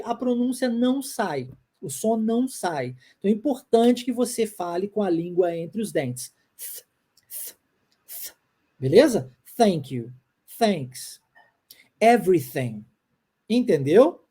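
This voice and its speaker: A woman with a Brazilian Portuguese accent gives an online pronunciation lesson as an English teacher. Her fairly high voice is warm with a breathy edge, and she repeats her examples while checking in often with her viewers.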